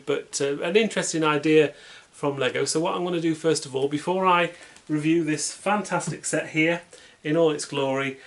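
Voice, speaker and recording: Chatty British man reviewing a toy set. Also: fairly high pitch. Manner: chatty, unhurried, self-deprecating. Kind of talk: casual product review. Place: home, at a tabletop.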